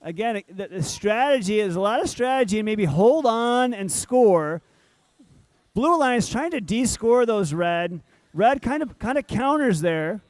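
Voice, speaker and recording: A man's voice: high-pitched, animated, a little slow, dry recording. A man announcing and commenting on robotics competition matches, upbeat and joking with the teams. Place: event hall.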